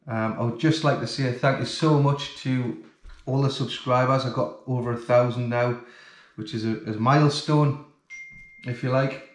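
A man in his forties talks straight to the camera in his home, chatty, plain-spoken and thankful. His voice sits at an ordinary pitch. The room around him rings noticeably, picked up by a camera mic a few feet away. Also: steady tone, normal speed. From England. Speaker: fishing channel host. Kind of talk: casual vlog talk to camera. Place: home kitchen, then living room, indoors. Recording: roomy home acoustics.

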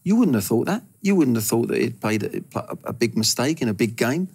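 A man in his sixties talking as a football pundit in a TV studio, animated and stumbling over his first words, on a lapel mic. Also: mid-range voice, a little fast, slightly rough. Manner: animated, gesturing with hands, repeats words when starting. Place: large TV studio.

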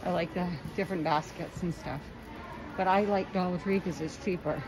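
A woman's voice: fairly low pitch, steady tone, moderate pace. A woman chatting casually as she walks through a large store, filming on her phone and pointing out prices. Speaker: vlogger. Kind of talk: casual shopping vlog narration. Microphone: phone camera held while walking. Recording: noisy store background.

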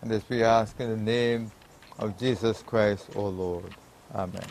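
A man, a priest at a graveside, reciting a funeral liturgy in a solemn, measured, prayerful way. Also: on the low side, fairly even intonation, gravelly, a little mellow, slight background noise. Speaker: priest officiating a burial.

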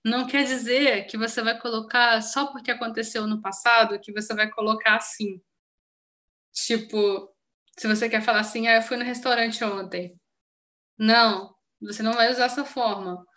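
Brazilian woman, teacher on a casual live stream, slightly high voice, chatty and explanatory. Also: fairly even intonation, normal speed, bright, forceful tone. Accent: Brazilian Portuguese. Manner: chatty, explains with many examples and check-ins. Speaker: Japanese teacher.

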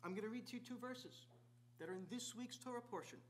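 A man's voice: very high voice, quick pace. A middle-aged man, a visiting rabbi, gives a sermon in a large synagogue sanctuary, stacking up repeated rhetorical questions. He is picked up by a distant camera.

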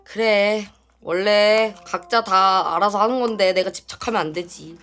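A young woman streamer chatting casually, venting in a sulky, whiny way with sudden loud outbursts. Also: medium pitch, steady tone, normal speed, slight background noise. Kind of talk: casual livestream chat.

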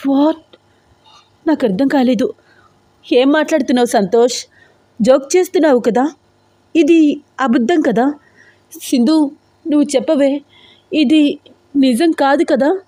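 A woman's voice: sits high, measured pace, long pauses, warm tone, no echo, voice pushed up. A woman voicing a frantic, pampered young woman in a storybook audio drama, talking in an urgent, pleading, tearful way. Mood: panicked.

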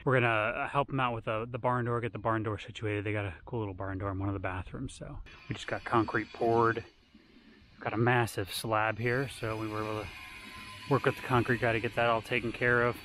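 A man's voice: on the low side, steady tone, a little fast, a bit bright. A man hosting a building vlog, describing the day's work on a house in an easy, upbeat way. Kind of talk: casual vlog narration. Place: outdoor building site. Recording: noisy outdoor job site.

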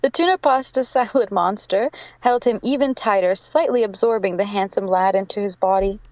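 A woman's voice: medium pitch, moderate pace, a little mellow, no echo, lo-fi sound. A woman narrating a fan fiction aloud to friends, giggling through her reading.

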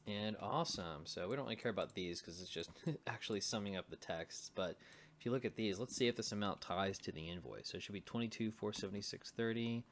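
A deep-voiced man mutters to himself while typing during an informal programming tutorial, thinking out loud as he works on screen. There is slight background noise.

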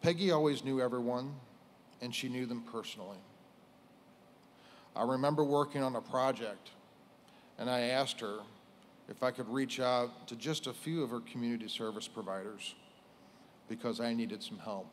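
An American man in his forties delivers a prepared funeral speech in a solemn, measured way, pausing between short phrases as a police chief at a lectern. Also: medium pitch, slight background noise. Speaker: police chief giving a eulogy. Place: indoors on a stage at a lectern. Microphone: lectern microphone.

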